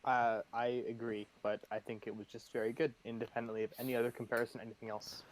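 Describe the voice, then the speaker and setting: A man's voice: medium pitch, flat delivery, fast, low-quality recording. A young man co-hosting a casual podcast, making dry, protesting quips. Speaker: podcast co-host. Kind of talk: casual chat.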